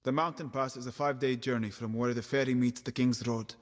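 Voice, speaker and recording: An actor playing a guarded, practical male travelling protector in a fantasy game, measured and serious. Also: medium pitch, fairly even intonation, lightly acted.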